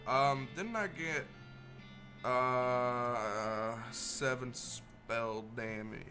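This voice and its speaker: A man with a mid-pitched voice plays through a video game and comments casually. He mumbles little asides and reads game text aloud, with music behind him. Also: very slow, pushed and bright.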